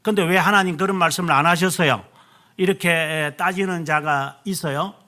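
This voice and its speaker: A middle-aged male pastor preaching a sermon, stressing key words slowly and answering himself with "yes". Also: fairly high pitch, sharp tone.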